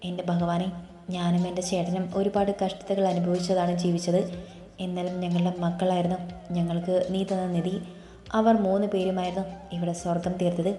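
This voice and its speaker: A woman's voice: lowish voice, level tone, normal speed, lightly acted. A woman voicing a soothing, worried village mother. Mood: praying. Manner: soothing, gently scolding. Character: caring worried middle-aged mother. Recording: echoey room with faint music.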